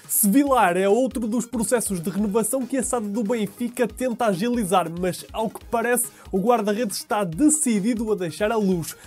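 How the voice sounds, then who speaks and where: A man with a European Portuguese accent, presenting football news in a steady scripted read. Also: high voice. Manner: steady, measured read of sports headlines.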